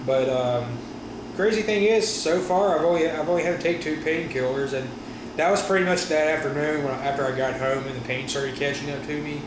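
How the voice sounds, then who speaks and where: Higher-voiced halting man after wisdom teeth surgery. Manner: halting, rambling, frequent self-corrections. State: recovering from wisdom teeth surgery, sore stiff jaw. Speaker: vlogger. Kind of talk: casual personal vlog recounting. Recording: roomy echo with steady room noise.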